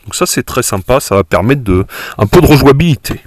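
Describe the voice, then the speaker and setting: A man's voice: medium pitch, animated, fairly quick, no echo. A man casually narrating a board game unboxing, hesitant and self-correcting, full of fillers and admiring remarks.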